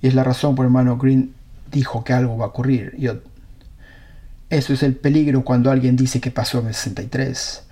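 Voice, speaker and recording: A man's voice: mid-range voice, flat delivery, a little fast, warm tone. A man preaching a sermon, reading scripture aloud and earnestly questioning his congregation.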